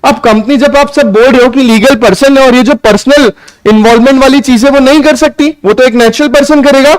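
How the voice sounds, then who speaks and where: A man teaching a live online law class, talking loudly, mixing Hindi with legal lines and firing quick questions that he answers himself. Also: very high-pitched, clean tone, poor audio. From India. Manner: loud, quizzes students and answers himself; mixes Hindi with read-out English lines.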